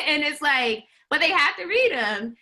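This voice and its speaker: A young woman with a clear, bright, high voice leads a coaching webinar for law school applicants. Her delivery is loose, animated, and chatty, peppered with "like" and quick laughs between phrases.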